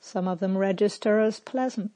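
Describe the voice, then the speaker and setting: A woman meditation teacher guides a meditation in short, measured phrases separated by long pauses. Her voice is mid-range and warm.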